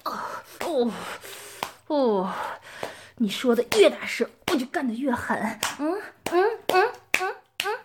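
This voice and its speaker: A woman's voice: high voice, sing-song, slow, heavily acted. A woman playing a bossy possessive older schoolmate. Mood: domineering. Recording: noisy recording with clicks.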